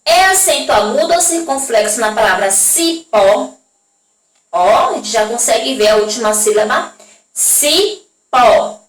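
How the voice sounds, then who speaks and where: Brazilian woman teacher, high voice. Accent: Brazilian Portuguese. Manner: slow, drawn-out pronunciation of example words; frequent checking tags to the class. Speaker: primary school teacher. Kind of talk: recorded classroom lesson for young children. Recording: echoey room, voice from a distance.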